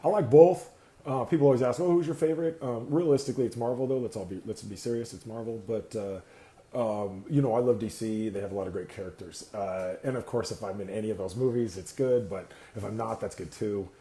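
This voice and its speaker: A man's voice: lowish voice, fairly quick, warm tone, roomy sound. A man from California hosting a casual live talk show, rambling and filling time with many "uh"s while he waits for guests. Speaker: host. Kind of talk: casual livestream chat. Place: indoor room, seated on a sliding chair.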